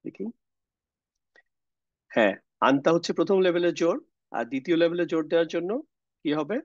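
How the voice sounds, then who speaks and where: A man's voice: on the high side, lively intonation, brisk, dry recording, muffled recording. A man teaching Quranic Arabic grammar in an online class, explaining patiently and repeating himself with many fillers.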